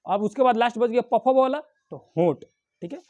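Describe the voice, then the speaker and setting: A man's voice: extremely high pitch, lively intonation, brisk, dark tone, no room sound, dull audio. A young man teaching an online grammar class, asking questions and answering them himself, sounding out letters one by one. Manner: explains step by step with repeated questions and answers.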